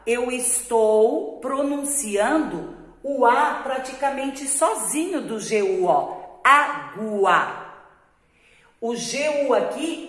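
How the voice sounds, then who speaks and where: A Brazilian Portuguese-speaking woman teaching a video lesson to young children, explaining slowly and repeating example words. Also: on the high side. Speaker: primary school teacher. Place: classroom at a whiteboard. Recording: echoey room with long reverb.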